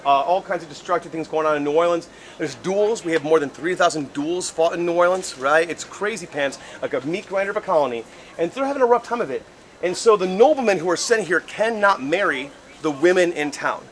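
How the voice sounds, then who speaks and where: A man working as a ghost tour guide, telling stories in an animated, theatrical way with casual, jokey asides. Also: fairly high pitch, a little fast. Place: outdoors on a city street walking tour. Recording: noisy outdoor street ambience.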